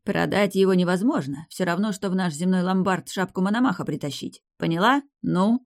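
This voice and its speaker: A woman's voice: lowish voice, a little fast, creaky. A woman voicing a ruthless scheming man who talks harshly through clenched teeth. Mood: harsh commanding. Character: ruthless scheming older male killer, hissing and gruff.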